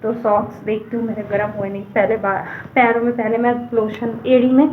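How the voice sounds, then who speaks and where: A woman's voice: fairly high pitch, fairly even intonation, brisk, slight background noise. A woman vlogger chatting casually and rambling straight to her viewers. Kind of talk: casual vlog chat to camera. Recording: echoey room on a tinny phone mic.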